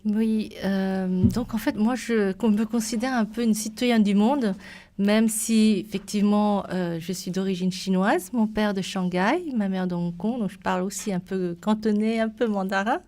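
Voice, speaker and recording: A woman entrepreneur giving a lively radio interview, often restarting her sentences. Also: mid-range voice, moderate pace. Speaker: entrepreneur guest.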